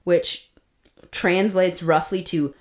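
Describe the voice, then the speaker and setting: A podcast co-host with a lowish voice talks slowly and with fairly even intonation. She's chatty and casual as she tells the story, laughing often, with many fillers and restarts. There's a roomy echo to the recording.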